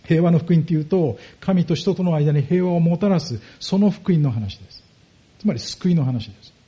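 A pastor preaching a sermon, explaining step by step and putting rhetorical questions to the congregation. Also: male voice, fairly high pitch, moderate pace, dark tone, highs cut off.

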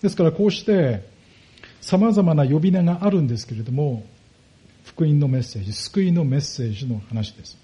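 Man preaching, dark mellow voice. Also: on the high side, lively intonation, a little fast, muffled recording. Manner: explains step by step, asks the congregation rhetorical questions. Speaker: pastor. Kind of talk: sermon.

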